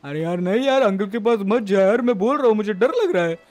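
A man's voice: sits high, expressive, fast, darkish tone. Man playing a timid whiny talking dog. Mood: scared. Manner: fearful, whiny.

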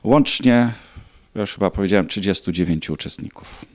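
Low-voiced, hesitant middle-aged man. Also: lively intonation, darkish tone. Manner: hesitant, measured, pausing often. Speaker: contest organiser being interviewed. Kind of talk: spoken interview answers. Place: indoors, small room. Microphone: handheld reporter microphone.

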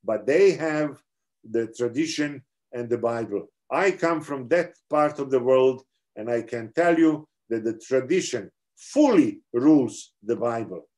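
This middle-aged man, Serbian-accented, gives an online seminar lecture on theology via video call. His medium-pitched, slightly mellow voice is animated yet measured in pace, and he explains earnestly, often restarting.

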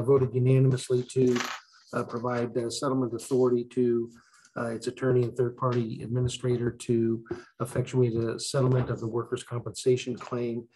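A man serving as board counsel, reporting closed-session actions at a meeting in measured, formal legal phrasing. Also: mid-range voice, darkish tone, slight background noise, low-quality recording.

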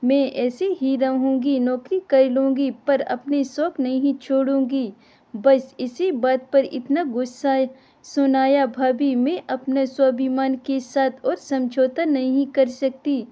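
Woman voicing a young wife, spoilt, self-pitying, slow delivery. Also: high voice, little pitch movement, warm tone, lo-fi sound. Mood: aggrieved.

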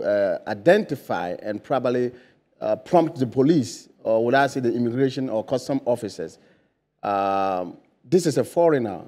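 Speaking at a medium, mid-range pitch, a political candidate in his forties from Ghana gives earnest studio interview answers, pausing on fillers and starting sentences over. He's a guest wearing a lapel mic in a brightly lit TV studio.

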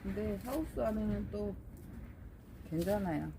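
A woman's voice: medium pitch, animated, measured pace, gravelly, noisy background. A middle-aged woman vlogging casually about her succulents, chatting to viewers as she plants in a greenhouse. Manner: chatty, talks to viewers while working. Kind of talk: casual chat while planting.

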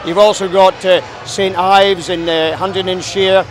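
A man's voice: high-pitched, little pitch movement, a little slow. A man in his fifties with a broad Glaswegian Scottish accent, chatting casually in an interview. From Scotland, brought up in England. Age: 50s. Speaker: interviewee, Northern Soul dancer. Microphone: handheld shotgun microphone between speakers. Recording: busy bar crowd noise behind.

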